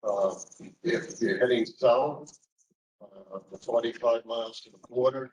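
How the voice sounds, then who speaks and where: A man's voice: mid-range voice, measured pace, darkish tone, slight background noise. A man with a Boston accent giving plain-spoken, matter-of-fact public comment as an engineering executive at a meeting. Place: indoor public meeting room. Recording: echoey meeting room, distant microphone.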